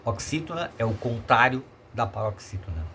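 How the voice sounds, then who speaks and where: Brazilian male teacher, remote lesson, animated pitch, repeats and checks understanding, faint noise. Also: moderate pace, vocal fry. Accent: Brazilian Portuguese. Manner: repetitive, explanatory, checks in with tag questions. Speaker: Portuguese teacher.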